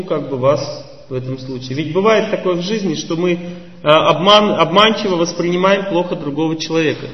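A man with a high voice delivers a slow, teacherly religious talk, posing questions to his audience. He sounds set back from the microphone in a long-echoing hall. The sound is muffled and dull. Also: distant mic. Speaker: spiritual lecturer. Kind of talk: religious lecture. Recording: echoey hall, voice from afar, muffled.

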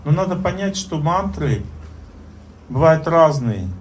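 A man giving an informal spoken lesson on prayer as a spiritual teacher, halting, with many fillers and pauses. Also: on the high side, big pitch swings, a little hiss or hum.

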